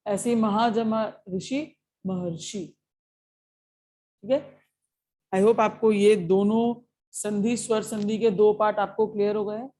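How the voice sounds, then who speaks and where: A woman's voice: mid-range voice, fairly even intonation, slow pace, long pauses, warm tone. A woman with an Indian accent teaching an exam-prep lesson, explaining step by step and checking in often with her students.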